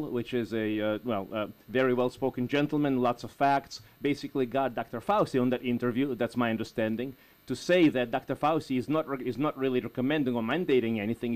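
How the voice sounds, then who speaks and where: A man co-hosting a call-in talk radio show, speaking in a halting, folksy way with many restarts. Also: medium pitch. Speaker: radio co-host.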